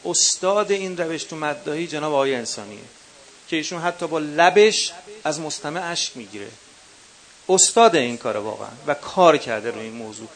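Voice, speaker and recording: A man's voice: fairly high pitch, lively intonation, fairly bright tone. Qom-accented man giving a workshop lecture. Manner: instructive, addresses listeners as dear ones, counts off numbered points. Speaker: workshop instructor for religious eulogy singers. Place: workshop session with a live audience.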